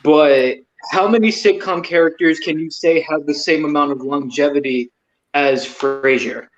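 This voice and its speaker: A man with a slightly high voice, teasing his friends in a casual chat. His mic sounds dull and lo-fi, with faint hiss behind him. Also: fairly even intonation, moderate pace. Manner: playful trash talk. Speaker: draft participant.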